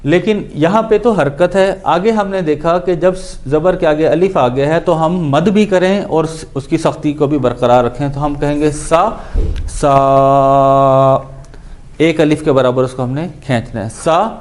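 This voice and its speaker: A man teaching Quran recitation, patiently explaining and repeating syllables slowly to show how each letter sounds, with English words mixed in. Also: fairly high pitch, darkish tone. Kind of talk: explanatory lesson on pronunciation.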